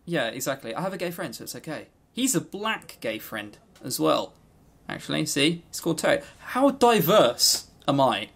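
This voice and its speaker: With a gravelly, a bit bright voice that sits a little high, this man co-hosts a casual podcast reviewing visual novels. He's very animated at a normal pace, rambling, joking and swearing some in the unscripted chat.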